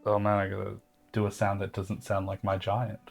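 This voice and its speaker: A man with a low, gravelly voice talks through his character's old childhood room, wandering and hesitant, full of ums and likes. Soft music plays faintly behind him. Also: monotone, a little fast. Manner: rambling, hesitant with many fillers. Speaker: player. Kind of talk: in-character tabletop role-play.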